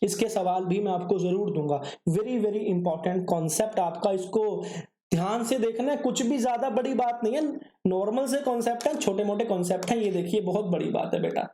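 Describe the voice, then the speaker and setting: Young guy teaching accounts, high mellow voice, super chatty, keeps asking the class questions, echoey room. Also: a little fast. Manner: chatty, fills the lecture with rhetorical questions and calls students "beta". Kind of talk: recorded lecture.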